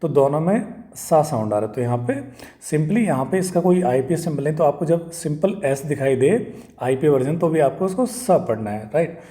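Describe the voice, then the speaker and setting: A man's voice: on the high side, lively intonation, normal speed, warm tone. A man teaching English pronunciation in a casual video lesson, repeating sounds and checking in often with "okay" and "right".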